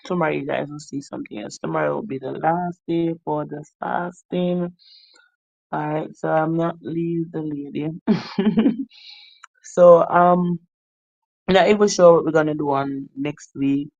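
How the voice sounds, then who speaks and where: A woman's voice: low voice, steady tone, unhurried, creaky, darkish tone, no room sound, dull audio. A woman hosting a live stream in casual chat, teasing her viewers and laughing often. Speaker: livestream host.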